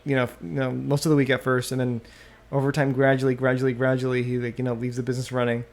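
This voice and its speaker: A man hosting a solo podcast, thinking out loud and often trailing off and restarting mid-sentence, into a desktop microphone. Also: mid-range voice, monotone, quick pace. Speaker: podcast host. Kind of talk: rambling solo podcast monologue. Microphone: USB desktop microphone.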